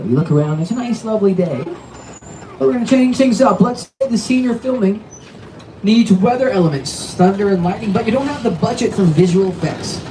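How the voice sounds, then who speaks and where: High-voiced male tour guide, sometimes shouting out. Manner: shouting as if calling out from the shore. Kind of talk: tour guide commentary to passengers. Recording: distant noisy tour tram loudspeaker.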